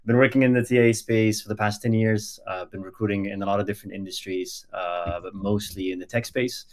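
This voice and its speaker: A man in his thirties with a lowish voice introduces himself on a video call. He sounds upbeat and earnest, sprinkling in ums as he goes. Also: level tone, quick pace. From Egypt. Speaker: recruiter, panel guest. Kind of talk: casual self-introduction.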